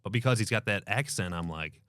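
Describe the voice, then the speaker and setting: A man's voice: on the low side, expressive, brisk, a bit bright, smooth, dry recording, studio quality. An American man hosting a podcast, chatting casually and joking, often acting out quotes in a raised voice. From United States. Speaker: podcast host. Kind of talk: casual interview chat.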